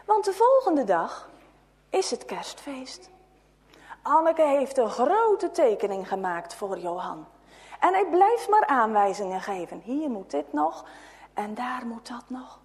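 A woman reading a children's story aloud, expressive and hushed at tense moments. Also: sits high, in a large hall.

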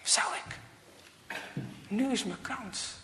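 Lady doing a jealous sneaky schoolboy in a storybook, high voice, echoey. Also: a little slow, slight background noise. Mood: scheming. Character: jealous schoolboy plotting a prank. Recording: long reverb.

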